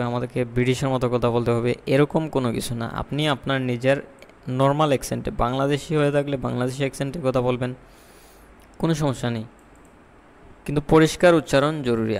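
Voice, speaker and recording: A man teaching IELTS speaking tips in a lesson. He explains in Bengali, slips in English terms, reads example sentences slowly and repeats key points. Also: medium pitch, smooth, big-room sound. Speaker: IELTS tutor. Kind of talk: spoken exam-tips lesson.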